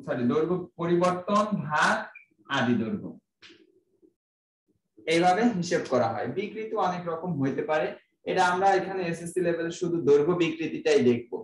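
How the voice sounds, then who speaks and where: A man's voice: on the high side, lively intonation, moderate pace, echoey room, recorded from a distance, a little hiss or hum, poor audio. A man with a Bangladeshi Bengali accent giving a physics class, explaining step by step, asking his own questions and then answering them. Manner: uses everyday examples. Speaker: physics lecturer. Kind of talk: classroom lecture.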